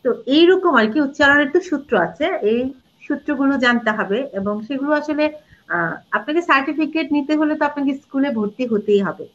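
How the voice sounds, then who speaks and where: A woman's voice: high-pitched, animated, a little fast, fairly bright tone. A middle-aged woman, a Bangla teacher and reciter, explaining pronunciation rules in a live interview and demonstrating words and short sung lines. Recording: dull lo-fi audio.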